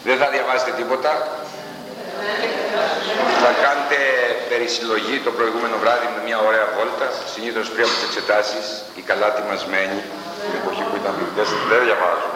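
A man giving a slow, emphatic classroom lecture, heard on a noisy archival recording from a lecture hall. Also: on the low side, steady tone, a loud crowd. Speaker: university professor lecturing.

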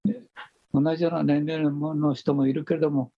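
An older man with a hoarse, raspy voice, earnestly giving conversational life advice and circling back over his key phrases. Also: a little high, little pitch movement, normal speed, dry recording, dull audio. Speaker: teacher and author, podcast guest speaker.

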